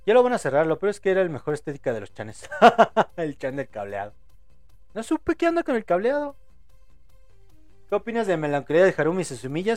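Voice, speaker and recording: A man in his thirties with a Mexican accent, hosting a casual live podcast, swearing, laughing often and rambling in slang. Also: a little high. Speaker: podcast host. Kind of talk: casual live-show chat reading audience posts.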